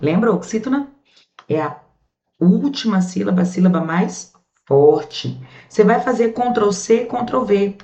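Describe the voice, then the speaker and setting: Lively Brazilian woman teaching grammar. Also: medium pitch. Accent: Brazilian Portuguese. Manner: lively, chatty, drawn-out stressed words. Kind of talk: online grammar lesson. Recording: muffled, echoey room.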